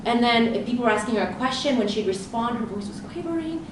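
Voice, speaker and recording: Speaking fast in a slightly high voice, a woman presents live at a conference as a leadership coach, mixing lively stories with quoted inner thoughts. She grew up in Southern California with Romanian as her first language, and her far-off voice rings in a very echoey room over constant noise.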